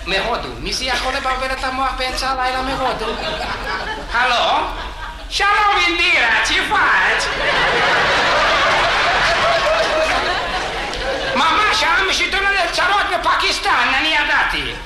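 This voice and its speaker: A comedian playing a boastful womanizer who brags on the phone and breaks into frantic shouting. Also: extremely high pitch, big pitch swings, roomy sound, very noisy. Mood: smug. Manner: rapid bragging chatter breaking into frantic shouts. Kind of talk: comic sketch.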